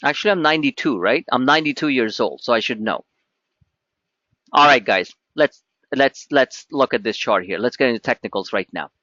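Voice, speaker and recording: A middle-aged man hosting a trading webinar, talking in an animated, pushy salesman patter as he walks through charts. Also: medium pitch, brisk, no echo, dull audio. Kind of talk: live trading webinar talk.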